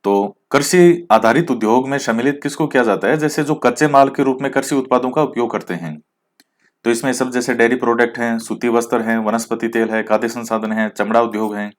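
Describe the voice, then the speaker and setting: A man's voice: medium pitch, a little fast. A man teaching an exam-prep lecture, who asks questions and answers them himself, mixes in English words, and admits his rustic pronunciation. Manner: explains, then quizzes with questions he answers himself.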